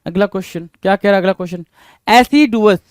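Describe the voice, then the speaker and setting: A high-voiced man teaches exam vocabulary in a clear, smooth tone. He keeps firing rhetorical questions at the class and answering them himself, repeating each key word. His voice sounds close and dry. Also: fairly quick, no echo. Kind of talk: exam-prep vocabulary lesson.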